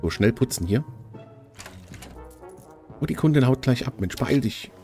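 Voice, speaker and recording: A man's voice: mid-range voice, animated, measured pace, mellow, faint music behind. A man giving casual commentary while playing a game, chatty and urging himself on. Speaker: let's play host.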